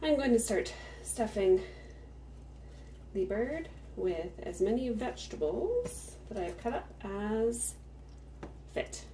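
A woman's voice: on the high side, sing-song, takes it slowly, warm tone, far from the mic, a little hiss or hum. A woman hosting a cook-with-me video, explaining each step at an easy pace while she works in her home kitchen. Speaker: home cook, farmstead channel host. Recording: roomy kitchen sound from off-mic.

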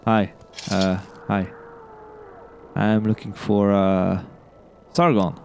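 A man's voice: on the low side, flat delivery, drawn-out words, vocal fry, darkish tone, slight background noise. A man hosting a video game let's play, chatting casually and rambling, tripping over his words in a giddy, upbeat mood. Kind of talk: casual gameplay commentary.

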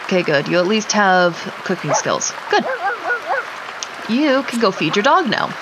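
A woman streamer narrates her life simulation game casually, addressing herself and the characters in a mid-range voice with big pitch swings at a measured pace. A loud crowd, clear background noise and mouse clicks fill the recording.

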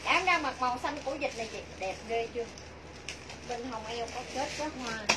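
A middle-aged woman with a southern Vietnamese accent giving a chatty, repetitive live sales pitch to viewers from a small clothing shop. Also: moderate pace. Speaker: clothing shop livestream seller. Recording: noisy shop livestream, clear background noise.

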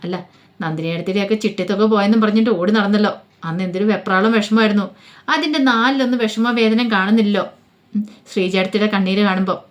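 A woman's voice: medium pitch, fast, lightly acted. A woman doing a sarcastic young woman lawyer. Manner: cutting, sarcastic. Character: sharp-tongued young female lawyer.

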